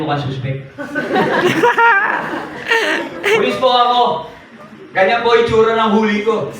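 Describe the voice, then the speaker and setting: Captured from afar in a reverberant event hall with background noise, a young man with a high voice tells the crowd a humorous story about himself. Sharing his testimony, he playfully throws questions at the audience.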